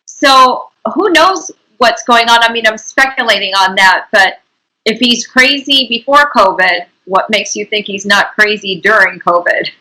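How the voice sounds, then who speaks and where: A woman's voice: on the high side, lively intonation, a little slow, bright, forceful tone, rough recording. A woman hosting an interview, speaking indignantly and emphatically, repeating her points. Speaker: interviewer, host.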